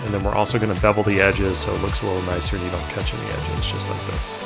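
A man in his thirties walks through a do-it-yourself project in a relaxed, practical way, correcting himself as he goes. His voice sits on the low side. Music plays clearly behind him. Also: fast. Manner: casual and practical, with filler "uh" and self-corrections. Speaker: DIY builder. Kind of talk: casual how-to narration. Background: background music.

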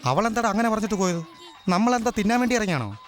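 A boisterous young buddy in a dubbed film. He talks fast and bouncy, up and down in pitch, with faint music under him. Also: very animated. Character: young man, boisterous friend.

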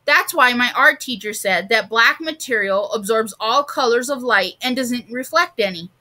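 A clever young girl in a storybook cheerfully shares what she knows and tells riddles, as a woman reads her lines. She sounds pleased with herself. The voice is high and bright. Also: normal speed.

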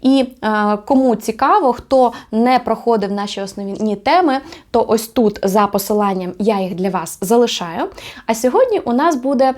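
A woman with a slightly high voice teaches a video lesson in a friendly way. She drops into slow, careful repetition whenever she gives an example word, and her talk has small hesitations. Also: expressive, darkish tone. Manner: friendly, encouraging, with fillers. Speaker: language teacher.

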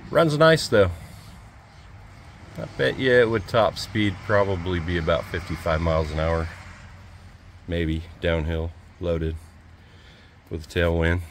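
A man's voice: deep voice, a little slow, long pauses, a little hiss or hum. A man casually showing an old truck outdoors and in its cab, talking offhand and thinking aloud into a handheld phone camera. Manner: relaxed, offhand, thinking aloud with dry jokes. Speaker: homesteader showing his truck. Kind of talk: casual walkaround vlog.

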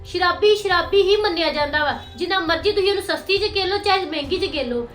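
Speaking very fast in a very high, somewhat bright voice, the actress voices a wronged young wife confronting her drunk husband. The family drama scene is aggrieved and pleading in tone, recorded in a reverberant room over music.

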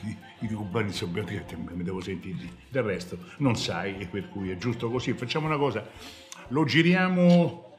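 A man's voice: lowish voice, animated, normal speed, lightly acted. An actor playing a scheming, pushy film producer in a comedy film scene, wheedling and bossing his reluctant partner. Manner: wheedling, bossy, enthusiastic about his schemes. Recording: film soundtrack with clear music.

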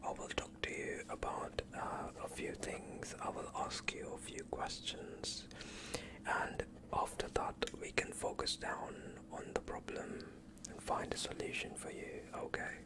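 A young adult man performs an ASMR doctor roleplay in a breathy, unvoiced whisper close to the microphone. He sounds calm and soothing, asking questions in an unhurried way.

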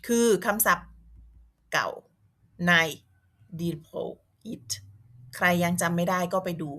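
A woman's voice: lowish voice, animated, normal speed, a bit bright. Friendly woman teacher explaining vocabulary. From Thailand. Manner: friendly, patient, repeats words to model pronunciation. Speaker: language teacher. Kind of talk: explanatory lesson narration.

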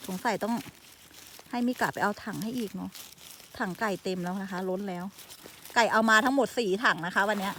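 A woman's voice: medium pitch, brisk, pauses often, sharp tone, slight background noise. A woman chatting casually to her camera while foraging in a forest, full of exclamations. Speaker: vlogger. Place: forest outdoors.

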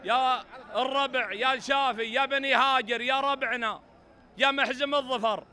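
Man, Saudi Bedouin Arabic oratory, very high and piercing, declamatory, projected over open air. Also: steady tone, moderate pace, bright, forceful tone. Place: open desert ground, outdoor mass gathering. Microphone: stand microphones.

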